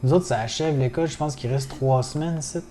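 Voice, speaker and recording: Québécois male streamer, mellow low voice, loose casual chatter peppered with curses, addresses chat directly. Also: a little fast, a little hiss or hum. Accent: Québécois French. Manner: swears often, chatty, greets viewers in chat. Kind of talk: casual gaming livestream chat.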